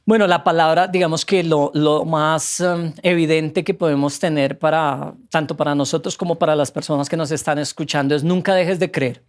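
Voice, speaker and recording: A man's voice: on the high side, normal speed, hardly any pauses. A man tells his story of faith as a podcast guest. He speaks earnestly and acts out the voices in the story. He then turns to urge listeners never to give up. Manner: earnest, animated storytelling with acted quotes. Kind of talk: testimony and faith exhortation.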